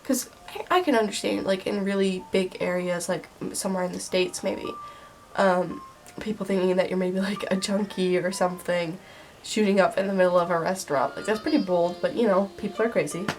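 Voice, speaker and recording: A woman's voice: on the low side, fairly even intonation, a little fast, soft background music. A young woman with the stuffed-up sound of a head cold, hosting a casual list vlog with sarcastic, dramatic emphasis. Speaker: video host. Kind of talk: casual scripted list vlog with acted skits.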